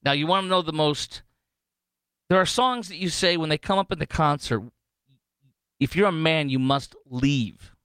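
An American talk radio host speaks unscripted, opinionated and jokey, hammering his points, drifting into tangents, and doing live ad reads. His voice is on the high side, clean, resonant and fairly bright, with lively intonation, normal speed and frequent pauses. The studio recording is dry.

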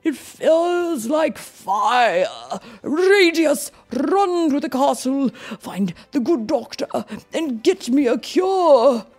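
A woman's voice: sits high, expressive, takes it slowly, faint music behind, pitched above the performer's own voice. A woman voicing a pained male knight who turns into a dragon, wailing and hissing. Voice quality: wailing, shouting, then hissing.

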